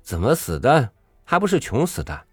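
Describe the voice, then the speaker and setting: A man's voice: medium pitch, wildly swooping pitch, moderate pace, slightly rough, no echo, clean studio sound, soft background music, pitched above the performer's own voice. A man voicing an indifferent male hired laborer who gives curt, offhand answers in a storybook reading.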